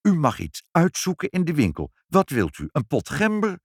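A fussy, excitable shopkeeper from a children's storybook, his voice squeaking high and leaping all over the place, as a man reads him out. The recording is close and dry. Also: normal speed, breathy edge, no echo, exaggerated voice. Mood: excited. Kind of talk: children's audiobook reading.

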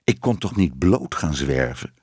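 A man voicing a young female cat turned into a woman, speaking meekly and pleadingly, raised in pitch, in a storybook reading. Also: big pitch swings, measured pace, darkish tone, breathy edge, no room sound, clean studio sound, heavily acted. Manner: meek and pleading.

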